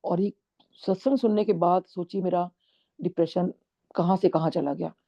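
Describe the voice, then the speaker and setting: A woman's voice: on the low side, steady tone, normal speed, warm tone. A middle-aged woman telling a devotional testimony to a congregation in an earnest, storytelling way, slipping English words into her speech. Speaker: satsang speaker sharing a testimony. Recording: dull lo-fi recording.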